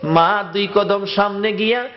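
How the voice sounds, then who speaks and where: A high-pitched male preacher with a pours out a wailing, half-sung sermon. He draws his words out slowly and pleads with his listeners. The recording sounds dull and lo-fi.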